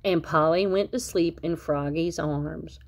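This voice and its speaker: A woman reading a children's picture book aloud, expressive and speaking the sound effects out loud. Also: low-pitched, unhurried, slight background noise. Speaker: storybook reader.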